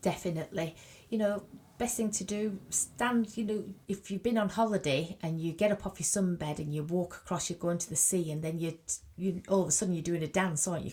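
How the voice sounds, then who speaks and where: A woman's voice: lowish voice, darkish tone. A woman from a charity, a radio guest giving advice in a chatty way, full of "you know". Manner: chatty, lots of 'you know'. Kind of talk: casual radio interview.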